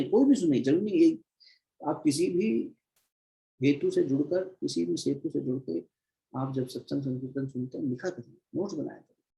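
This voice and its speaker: A man's voice: a little high, vocal fry, warm tone, rough recording. A man teaching at a devotional gathering, telling parables and repeating phrases for emphasis. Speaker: spiritual teacher. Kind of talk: devotional discourse.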